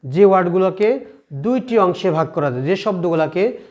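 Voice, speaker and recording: Man, English teacher, high voice, patient repeated questions, classroom lesson. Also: animated, moderate pace, a little mellow. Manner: repetitive question-and-answer teaching.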